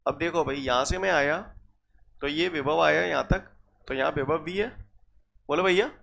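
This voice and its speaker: A man's voice: on the high side, vocal fry, fairly bright tone. A man teaching a physics class, often checking his students as he works through problems. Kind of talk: classroom lecture.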